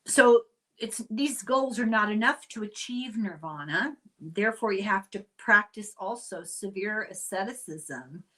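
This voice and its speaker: A woman's voice: mid-range voice, lively intonation, unhurried, bright, forceful tone, low-quality recording. An older woman with an Irish accent hosting a casual explainer, chatty and wry with digressive asides. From Ireland. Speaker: host.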